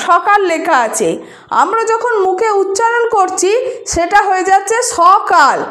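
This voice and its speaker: High-voiced woman teaching a lesson. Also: a bit bright, echoey room. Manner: explaining patiently with questions to students. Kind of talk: spoken Bengali grammar lesson.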